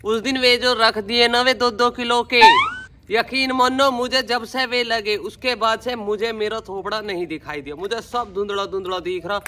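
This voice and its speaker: A woman's voice: fairly high pitch, fairly even intonation, moderate pace, very noisy. A woman with a Haryanvi accent chatting casually to her viewers in a vlog, calling them brother. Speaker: vlogger.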